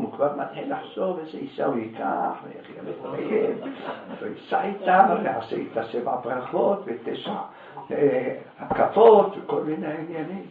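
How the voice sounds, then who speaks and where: A man telling a lively religious story as a sermon, acting out the people in it. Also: a little high. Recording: echoey, distant, phone-like sound.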